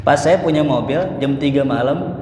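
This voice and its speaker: A man preaching in casual storytelling style. He talks in a lively, colloquial way and acts out the voices of the people in his stories. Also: mid-range voice, normal speed, a little hiss or hum. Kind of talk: sermon storytelling. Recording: echoey hall.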